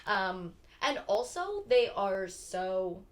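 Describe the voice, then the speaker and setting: A young woman from Philadelphia chats as a podcast guest. She rambles animatedly, full of fillers and restarts, in a medium-pitched voice. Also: big pitch swings, takes it slowly. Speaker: podcast guest, actor and writer. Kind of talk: casual conversation.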